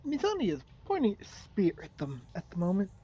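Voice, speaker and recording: A man's voice: high voice, huge pitch swings, brisk, dark tone, breathy edge. A man playing in a tabletop game, chatty and helpful to the group. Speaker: player. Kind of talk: casual tabletop play.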